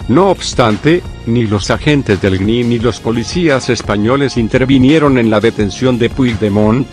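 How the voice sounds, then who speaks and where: A man's voice: mid-range voice, measured pace, a little mellow, soft background music. A man giving a scripted news narration, reading the text evenly and word for word. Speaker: news reader.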